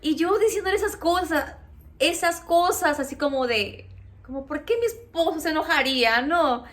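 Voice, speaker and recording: A vlogger with a Mexican accent tells her viewers a personal story at a moderate pace, her voice sitting high. She's casual, chatty, and animated, checking in with them often.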